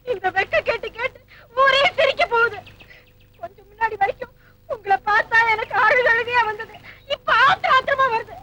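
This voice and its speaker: A young woman who is quick to tears and full of feeling, her high, bright voice pleading and breaking into tearful outbursts. It is a dubbed scene from an old film comedy. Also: lively intonation, exaggerated voice, poor audio. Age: young adult. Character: earnest young woman, emotional and easily upset.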